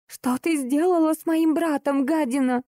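Woman putting on a shrill hysterical young princess. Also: steady tone, moderate pace, dark tone, dry recording, studio quality, lightly acted. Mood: furious shrieking. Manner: shrieking, screaming in rage.

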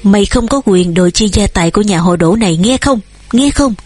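A woman voicing a cold, bullying grown son who threatens his family in rapid, harsh bursts, with a husky voice. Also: mid-range voice, animated, darkish tone, dry recording, soft background music.

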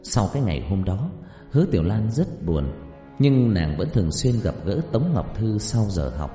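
A man narrating a story in an expressive, dramatic reading style. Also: fairly low pitch, normal speed. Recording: echoey reverb, faint music behind.

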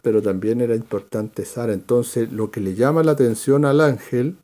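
A man's voice: mid-range voice, normal speed, dark tone. A man leading a verse-by-verse Bible study, explaining and calling on readers by name.

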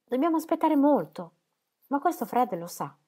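A woman voicing a sharp-witted, affectionate young woman who teases and speaks warmly, in an audiobook reading. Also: sits high, sing-song, normal speed, pitched above the performer's own voice. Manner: teasing, affectionate.

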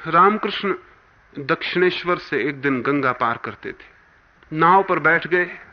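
Male spiritual teacher, high voice, emphatic sermon delivery, dull archival sound. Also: unhurried. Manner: emphatic, swinging between forceful rises and hushed drops. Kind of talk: spiritual discourse. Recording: dull lo-fi archival talk recording.

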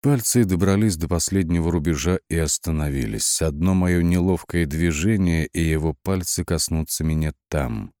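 A man narrating an audiobook in the first person, with lively, wry storytelling and shifting emphasis. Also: deep voice, moderate pace, few pauses, dry recording, clean studio sound.

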